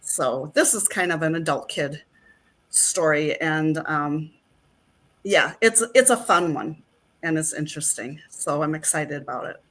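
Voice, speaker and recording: Low-pitched and unhurried, with a bit of brightness, this middle-aged woman is an actress appearing as an interview guest. Her casual chat rambles and is packed with fillers.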